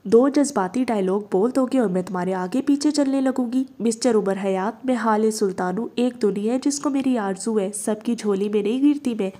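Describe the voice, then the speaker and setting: A woman reading the part of a proud, sharp-tongued young woman, speaking indignantly. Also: on the high side, a little fast, hardly any pauses, close to an everyday voice. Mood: furious. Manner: indignant, scolding.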